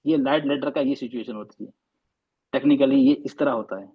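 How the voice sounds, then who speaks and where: A man's voice: mid-range voice, brisk, breathy edge, muffled recording. A man teaching a class on pronouncing Arabic letters, patiently repeating and quizzing his students.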